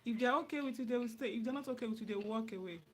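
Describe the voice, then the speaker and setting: In a dim room at home, a Nigerian woman from Anambra State hosts a casual livestream giving relationship advice. Her voice is on the high side and racing, and she speaks directly, repeating phrases for emphasis.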